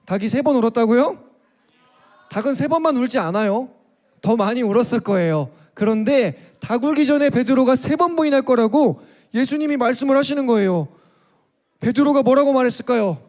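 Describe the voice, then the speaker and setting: A man's voice: extremely high pitch, fairly quick, darkish tone. A male pastor preaching a storytelling sermon to children, asking his listeners questions as he goes. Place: church.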